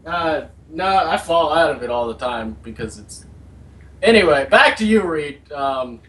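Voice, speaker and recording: A man's voice: a little high, expressive, measured pace, fairly bright tone, slight background noise, low-quality recording. A man co-hosting a live-stream podcast, rambling through goofy asides. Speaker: podcast co-host. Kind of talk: casual live-stream chat.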